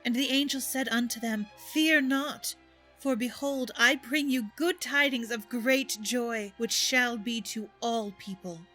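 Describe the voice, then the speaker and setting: A woman reading scripted narration as announcer in a measured, formal way. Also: on the high side, bright, forceful tone, faint music behind, poor audio.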